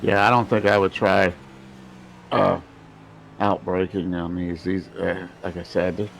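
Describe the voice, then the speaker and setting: A man's voice: sits low, level tone, unhurried, gravelly, a bit bright, slight background noise, poor audio. A man acting as a race spotter on the radio, giving short position calls and casual encouragement to the driver.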